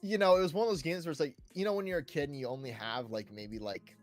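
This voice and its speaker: A podcast co-host with a higher voice talks quickly and enthusiastically about his favourite games, peppering his speech with "like" and "right." Background music plays under the conversation.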